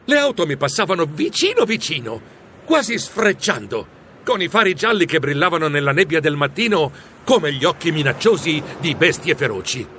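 A man narrates a storybook in the first person, animated and exclamatory. His voice sits high and swoops widely, with a bright, forceful edge. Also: normal speed, a little hiss or hum. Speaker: audiobook narrator.

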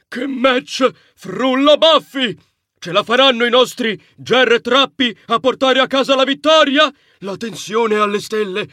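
A man voicing a loud, boastful male mouse cousin who calls a tennis match like a sports announcer, in hammy patter for an audiobook. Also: very high voice, dry recording, studio quality, voice pushed up, heavily acted. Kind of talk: audiobook character voice.

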